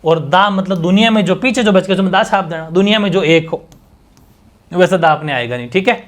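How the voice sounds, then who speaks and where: A man's voice: high voice, a little fast. A man teaching an exam-prep class, explaining step by step, repeating himself and asking the students questions.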